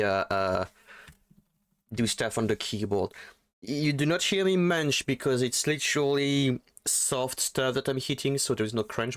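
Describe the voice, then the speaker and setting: A man's voice: mid-range voice, dry recording. A man streaming from home into a desktop USB mic, chatting casually in a rambling, self-deprecating way full of fillers. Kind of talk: casual livestream chat.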